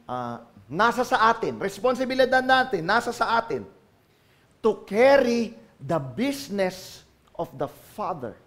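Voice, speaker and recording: High-voiced Filipino pastor preaching. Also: male voice, very animated, measured pace. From Philippines. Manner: preaching in mixed Tagalog and English, swinging from hushed to loud and emphatic. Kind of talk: sermon. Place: church.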